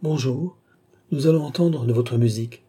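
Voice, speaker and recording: A man's voice: mid-range voice, moderate pace, dark tone, husky, close to an everyday voice. A man voicing a playful young prince who banters like a schoolboy on holiday. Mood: merry, teasing. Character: playful young male prince, merry and teasing.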